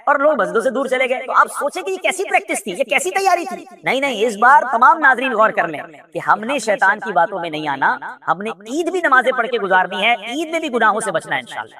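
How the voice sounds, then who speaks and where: A man hosting a religious discussion show, coaxing viewers and guests in a lively, direct way. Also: very high voice, crowd noise. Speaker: show host.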